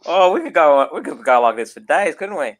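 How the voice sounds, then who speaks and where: A man's voice: fairly high pitch, lively intonation, brisk. A man joking and teasing in casual chat with friends on an online call.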